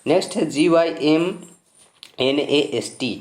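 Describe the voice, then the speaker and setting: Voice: mid-range voice, slow pace. A teacher with a mid-range voice walks through a pronunciation lesson, spelling out each word letter by letter. The delivery is patient and reassuring, and each rule comes round more than once. The voice carries a roomy echo. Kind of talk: step-by-step spoken lesson.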